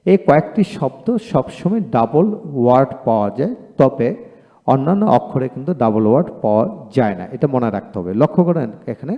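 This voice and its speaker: A man teaching a lesson, methodically listing item after item with counts in a steady explaining voice. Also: medium pitch, brisk, dull audio. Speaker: English teacher. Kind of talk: instructional explanation. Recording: long hall reverb.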